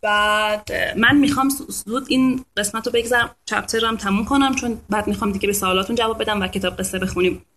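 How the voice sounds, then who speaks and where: A woman's voice: mid-range voice, steady tone, a bit bright. A woman hosting a casual live talk for an online audience, speaking in a chatty, playful way and now and then imitating animal sounds. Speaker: host of a live talk on reading to babies.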